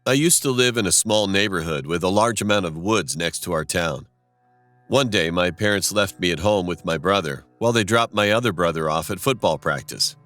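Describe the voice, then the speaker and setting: Deep-voiced man narrating a creepy story. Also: normal speed, a bit bright, dry recording, soft background music. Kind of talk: scripted horror narration.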